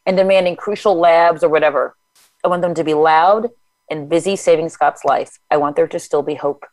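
A woman's voice: low-pitched, darkish tone, no echo, rough recording. A woman reading her own first-person memoir aloud, then talking it over in chatty conversation full of fillers. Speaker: author and guest.

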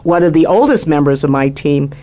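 A woman's voice: low voice, animated, a little fast. Chatty woman radio host. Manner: chatty, warm personal shout-outs. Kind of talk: casual radio talk. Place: radio studio.

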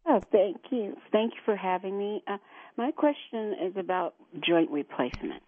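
A woman's voice: mid-range voice, animated, moderate pace, no room sound. A woman calling in to a radio show over the phone, asking her question politely and a little hesitantly. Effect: heard over the phone. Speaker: caller. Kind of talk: call-in question to a radio host. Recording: tinny dry phone line.

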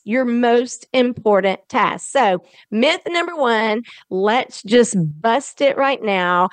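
Southern lady doing a self-help show, real slow and encouraging, kinda high voice. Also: no echo. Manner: earnest, encouraging, with chatty asides. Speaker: host. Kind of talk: self-help podcast talk.

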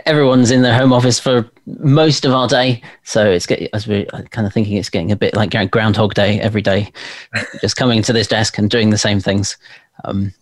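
Chatting anecdotally from his home office, this London-born interview guest, a performance coach and performer, has an English Received Pronunciation accent. He answers conversationally in a lowish, steady voice at normal speed. There's no room sound.

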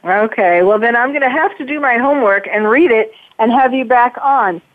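A woman's voice: a little high, normal speed. A woman psychiatrist hosting a radio interview show, talking hesitantly and often restarting her sentences. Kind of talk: interview chat. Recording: tinny phone line.

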